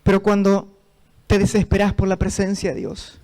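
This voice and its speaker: A man with an Argentine Spanish accent, preaching a sermon in church as pastor, telling stories with fervent passion and rising to shouts. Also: high voice, monotone, normal speed, rough recording.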